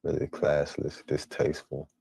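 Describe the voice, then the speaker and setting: A man's voice: a bass voice, monotone, moderate pace, gravelly, dark tone, slightly rough, no echo. A man hosting a reaction stream, speaking in blunt, repetitive slang. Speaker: stream host reacting to clips. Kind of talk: casual reaction commentary.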